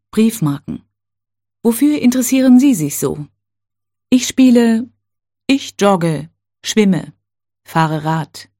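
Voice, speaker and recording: Female teacher, mellow voice, unhurried drill reading with careful gaps between phrases. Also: mid-range voice. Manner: slow, careful, clearly spaced phrases. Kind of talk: reading set phrases for learners.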